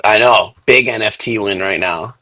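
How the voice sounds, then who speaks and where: A man's voice: fairly low pitch, normal speed, sharp tone. Laid-back young man saying "dude". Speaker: podcast host. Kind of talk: casual crypto chat.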